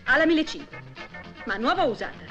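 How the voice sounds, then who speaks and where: A chatty, gossiping young wife talks to her mother in a high voice that swings up and down. She is quick to take offence. It sounds like a 1960s film soundtrack, with music clearly playing underneath. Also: big pitch swings, fairly bright tone, dull audio. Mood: gossipy. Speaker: housewife on the phone.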